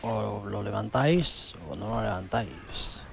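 A man's voice: on the low side, lively intonation, a little slow, vocal fry, a loud crowd. A man with an accent from Spain, chatting bluntly and casually with fellow players over game voice chat. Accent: Spain Spanish. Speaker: online raid player.

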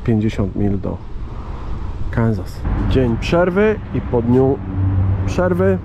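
A man, a truck driver, giving a plain matter-of-fact running commentary in a casual vlog. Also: medium pitch. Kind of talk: casual on-the-road vlog narration. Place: in and around a truck outdoors. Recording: loud outdoor traffic noise. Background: loud vehicle and street noise.

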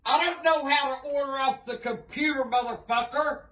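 An older woman, a grandmother with an irate, blunt, profane manner, talking casually and often shouting in a home bedroom. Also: high voice, normal speed. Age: older, 60s or above. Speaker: grandmother in prank videos. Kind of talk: casual reactions to pranks. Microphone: handheld phone camera a short distance away.

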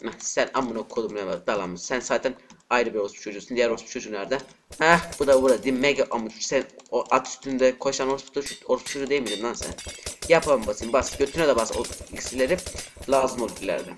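A man giving frustrated gameplay commentary at his computer, cursing and breaking into shouts, with keyboard clicks behind him. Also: mid-range voice, rapid-fire, slight background noise. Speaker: gaming channel host. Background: keyboard typing and mouse clicks.

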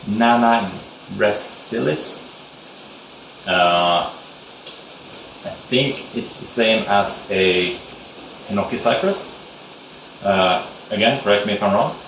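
This fairly low-pitched young Swede, a bonsai hobbyist, chats hesitantly in accented English as he tends his tree, filling pauses as he thinks aloud. Steady rain drums outside the small glassed sunroom, and the faraway camera mic captures echo and rain hiss.

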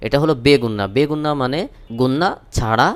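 A man from Bangladesh teaching Quran recitation, spelling out each syllable slowly and chanting the verses. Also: mid-range voice.

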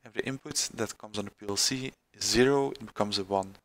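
A man presenting a screen-recorded software tutorial, halting with many fillers and restarts. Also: on the low side, dry recording.

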